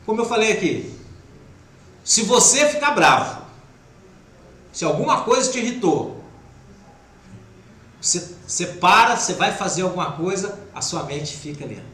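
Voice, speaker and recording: A man with a Brazilian Portuguese accent giving an informal spiritist talk, acting out everyday speech in quick quoted asides. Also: high-pitched, expressive, sharp tone. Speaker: spiritist lecturer. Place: spiritist center hall. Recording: echoey room with faint noise.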